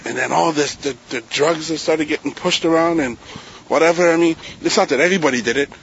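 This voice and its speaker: A man's voice: on the high side, fairly quick, a little hiss or hum. Slangy man walking city streets. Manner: relaxed, slangy, reflective. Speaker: host walking a neighborhood. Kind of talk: casual walking commentary. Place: outdoors on city streets at night. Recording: dull, muffled street recording.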